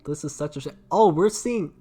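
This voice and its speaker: A playful, teasing commentator hosts a live speedrun race and reads messages from chat. The voice sits at a middle pitch, with faint music in the background. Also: lively intonation, a little fast, mellow, slightly rough.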